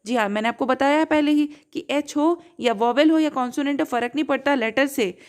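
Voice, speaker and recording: A woman's voice: sits high, a little fast, darkish tone. A woman with an Indian accent teaching English grammar, stressing words and checking in with rhetorical questions. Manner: emphatic, repeats key words, asks rhetorical checks. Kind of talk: explanatory lesson.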